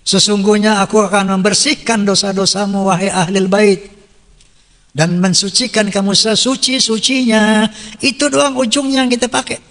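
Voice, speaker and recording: A man's voice: high-pitched, flat delivery, moderate pace, fairly bright tone, in a large hall. A man preaching a sermon, quoting verses and translating them, and asking his listeners rhetorical questions. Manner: quotes and translates scripture, asks audience rhetorical questions.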